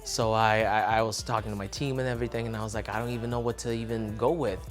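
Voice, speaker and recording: A young man from Russia, a musician, talking casually in an interview, relaxed and rambling with lots of fillers. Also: lowish voice, quick pace, faint music behind.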